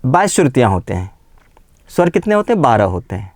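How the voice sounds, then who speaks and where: A man teaching a singing lesson, explaining pitch patiently and often checking that his students follow. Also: big pitch swings, fairly quick, no room sound. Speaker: music teacher. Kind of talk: vocal lesson.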